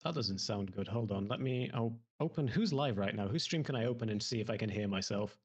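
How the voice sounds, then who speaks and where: Fast-talking man in an echoing tunnel. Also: lo-fi sound, a little hiss or hum. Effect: echoing tunnel-like sound, booming bass resonance. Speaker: panel guest on a livestream. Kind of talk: casual chat. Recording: distant hollow mic sound, as if from far off.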